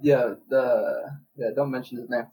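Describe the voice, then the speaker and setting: A man's voice: medium pitch, fairly even intonation, a little slow, muffled recording, a crowd in the background. A young man co-hosting a casual podcast chat, laid-back and teasing, with stammering restarts. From Arizona, US. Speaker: podcast co-host.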